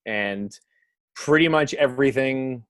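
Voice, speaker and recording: A Canadian filmmaker, here as a podcast guest, speaks at a measured pace in a clear, resonant mid-range voice with a fairly bright tone. His casual chat rambles, with lots of fillers and the odd swear word. There's no echo.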